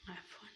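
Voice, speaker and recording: A woman's voice: sharp tone, a little hiss or hum. A woman with an Algerian Arabic accent hosting a cooking channel, chatty and enthusiastic, talking viewers through a recipe as she works. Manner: chatty, addresses viewers as girls, enthusiastic praise. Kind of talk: casual cooking demonstration.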